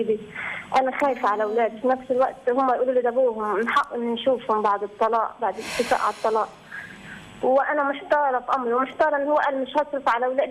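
A young Egyptian woman calling in for advice, pleading and repeating herself as she pours out her situation. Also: a little high. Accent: Egyptian Arabic. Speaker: caller seeking advice. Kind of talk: emotional phone-in call. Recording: muffled phone line.

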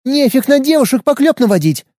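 A man narrating an audiobook and voicing a feisty, quick-tempered young woman. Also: big pitch swings, no room sound, clean studio sound. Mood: snappy. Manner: sharp, high retorts.

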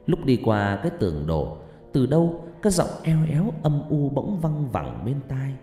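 A man narrating a ghost story in a dramatic, animated telling, in an echoey room with faint music. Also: medium pitch.

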